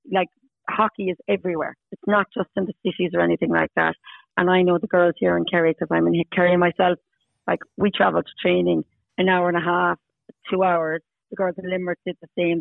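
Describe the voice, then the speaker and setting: A woman's voice: lowish voice, vocal fry, no echo. A woman in her fifties with an Irish accent from Munster, chatting emphatically in a casual interview, often repeating herself for stress. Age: 50s. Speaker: podcast guest, Masters hockey player. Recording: tinny phone-like line.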